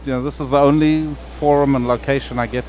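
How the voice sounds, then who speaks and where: A man who grew up in South Africa, a paint scheme designer chatting as a podcast guest outdoors at an airfield, relaxed and pausing often with fillers. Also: medium pitch, a little hiss or hum. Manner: relaxed, hesitant, many fillers. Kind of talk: casual outdoor podcast chat. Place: outdoor airfield deck near runway.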